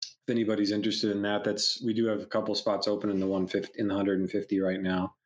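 A man's voice: fairly low pitch, fast. A man, an entrepreneur and mentor, talking casually in a conversation and acting out customers while he tells stories. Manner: animated storyteller, acts out quoted customers, swears, many restarts.

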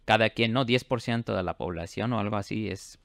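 A man's voice: fairly low pitch, a little fast, gravelly, fairly bright tone, no room sound, studio quality. A man from Fort Worth hosting a casual interview, talking hesitantly with many fillers and restarts. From Fort Worth, Texas. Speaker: host.

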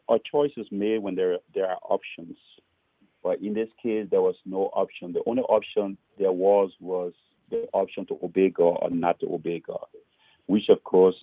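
Over a muffled line that sounds like a phone, a very low, husky-voiced man from Liberia earnestly tells his testimony in an interview. He's a pastor and author who frequently restarts sentences by repeating words, and the audio is dry with no room sound at all.

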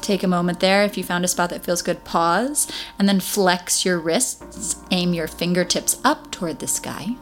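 A woman with a fairly low voice leads a guided Pilates class at a moderate pace, offering encouraging step-by-step instructions. Faint music plays behind her.

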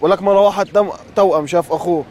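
A man's voice: high voice, steady tone, racing, a little mellow. A man interviewing people on a city street and asking them for jokes, upbeat and prompting. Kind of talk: casual street chat. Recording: street traffic noise.

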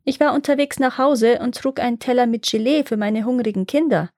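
A woman voicing a poor peasant father in a fairy tale reading, raising her voice to a higher, plaintive tone. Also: a little fast, darkish tone, no room sound, clean studio sound, natural voice. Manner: pleading and plaintive.

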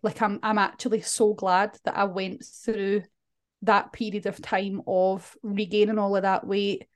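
A woman's voice: medium pitch, level tone, unhurried. A woman speaking as a podcast guest, earnest and candid, often restarting her sentences. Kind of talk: podcast conversation.

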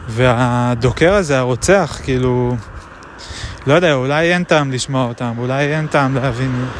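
A man recording a reflective spoken diary outdoors, musing aloud with many pauses and hesitations. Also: medium pitch. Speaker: video diarist. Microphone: action camera. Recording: traffic noise outdoors.

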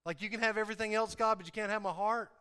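Man, preacher, high pitch, forceful bright tone, emphatic repetition, informal impassioned sermon delivery. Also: fairly even intonation, rapid-fire, clear, resonant tone. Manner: impassioned, emphatic, repeating phrases for effect; informal, conversational asides. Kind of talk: sermon to a congregation.

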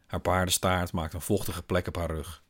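Low voice dad telling his own story, dry and wry, unhurried. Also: slightly rough. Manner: calm, wry, observant. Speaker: father and narrator. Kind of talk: literary first-person story narration.

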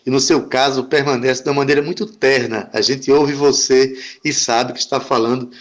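A man's voice: medium pitch, steady tone, moderate pace. A man with a mid-range voice hosts an interview. He asks long, rambling questions and praises his guest often. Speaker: interview host. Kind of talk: talk show interviewing.

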